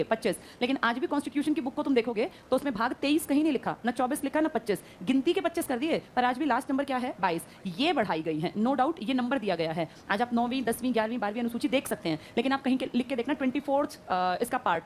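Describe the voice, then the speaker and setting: A woman teacher giving a brisk classroom lecture, quizzing her students and answering her own questions. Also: a little high, a little hiss or hum.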